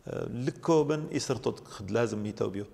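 Fast, gravelly-voiced priest teaching. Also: male voice, medium pitch, darkish tone, long reverb tail. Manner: explains steadily at length. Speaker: priest guest. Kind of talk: religious teaching on a TV program.

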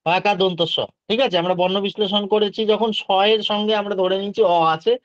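A man's voice: high voice, flat delivery, fairly quick, no room sound. A male teacher speaking with a Bengali accent explains a lesson patiently, step by step, and takes questions from his students. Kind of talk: online exam-prep lesson. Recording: dull lo-fi dry sound.

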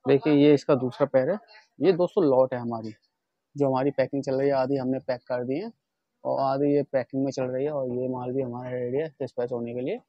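A man's voice: medium pitch, fairly even intonation, a little fast, dry recording, dull audio. Chatty Indian man showing shoes. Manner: chatty, repeatedly addresses viewers as friends. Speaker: vlogger showing shoes for wholesale. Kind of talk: casual product demonstration vlog.

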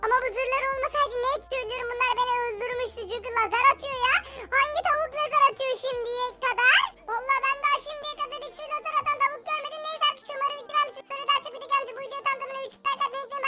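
A gameplay commentator with a pitched-up, childlike voice, excitably repeating words and shouting at the game. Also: rapid-fire, hardly any pauses, heavy background noise. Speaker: Minecraft YouTuber. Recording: loud music behind the voice.

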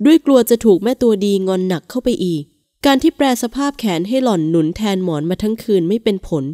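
A woman narrating a romance novel in smooth, even storytelling. Her voice is mellow and soft-edged. The recording is dry and close. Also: mid-range voice, quick pace, no echo. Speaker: audiobook narrator.

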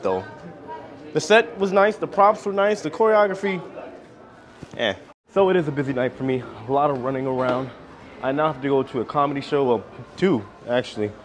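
A man in his thirties, chatty and candid, talking straight to viewers as he vlogs through a cruise ship on a phone held at arm's length. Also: on the high side. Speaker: cruise vlogger. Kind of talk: casual vlog narration. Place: cruise ship corridors and venues, indoors. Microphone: phone camera held at arm's length.

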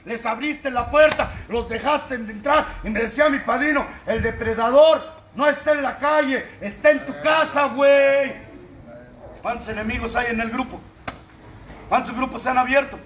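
A high-pitched man with a Mexican Spanish accent tells his story to a recovery group, crude and mocking, swearing at every turn. He sounds far from the mic in an echoing meeting room. Steady background noise runs under his voice. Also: normal speed. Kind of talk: profane testimony to a group. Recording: distant, roomy, noisy room recording.

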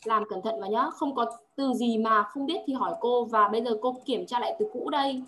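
Lady tutoring, kinda high voice, patient, keeps asking got it?. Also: a little fast, a bit bright. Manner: patient, drills words with frequent check questions. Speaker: English tutor. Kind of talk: one-on-one language lesson.

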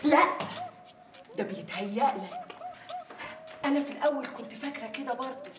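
ممثلة تؤدي دور مريضة غريبة الأطوار في عيادة، تتكلم بضحك وغرابة، وصوتها بعيد عن الميكروفون مع صدى. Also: female voice, high-pitched, normal speed, roomy sound, far from the mic, close to an everyday voice. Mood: giggly odd. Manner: giggly, odd. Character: eccentric woman patient in a clinic waiting room.

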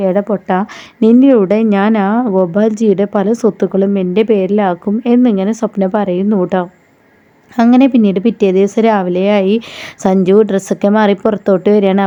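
A woman retells a TV serial episode in a relaxed, chatty way, quoting each character's lines in her own voice. Her voice is very dark and mellow, and the recording sounds a little dull and lo-fi. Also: medium pitch. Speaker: TV serial recap vlogger.

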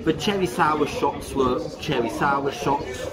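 A man's voice: fairly high pitch, slow, poor audio. A man hosting a casual pub-crawl vlog, rambling and joking as he rates each pub after a long day of drinking. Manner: jokey, rambling, tipsy reviewing. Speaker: vlogger host. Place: busy London pubs and streets. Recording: loud crowd chatter behind. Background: pub crowd noise.

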